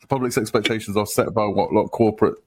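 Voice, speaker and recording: A man's voice: fairly low pitch, steady tone, fast, darkish tone, slightly rough. A man co-hosting a casual podcast chat, blunt and opinionated, swearing freely. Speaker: podcast co-host.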